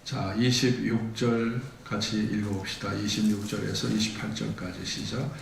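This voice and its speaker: A man preaching a sermon as pastor, telling the story in a lively way and asking the congregation questions. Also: on the low side, normal speed, creaky. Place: church sanctuary. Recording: very echoey hall, distant mic, faint noise.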